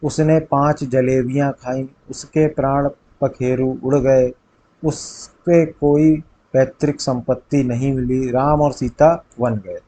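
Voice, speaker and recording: A man's voice: medium pitch, fairly even intonation, slow pace, dark tone, rough recording. A man tutoring for exams, reading multiple-choice grammar questions aloud and then stating which answer is correct. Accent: Hindi, north India. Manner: reads options, then states the answer. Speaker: exam tutor.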